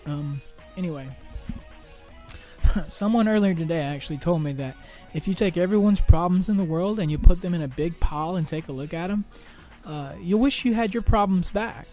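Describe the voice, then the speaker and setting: A young man hosting a podcast, talking through personal troubles in a halting monologue full of restarts, fillers and swearing. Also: high-pitched, dark tone, soft background music. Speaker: podcast host.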